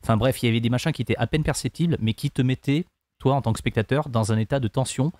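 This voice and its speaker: A man's voice: mid-range voice, quick pace, darkish tone, no room sound. A man discussing films casually as a panelist, often searching for his words. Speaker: podcast panelist.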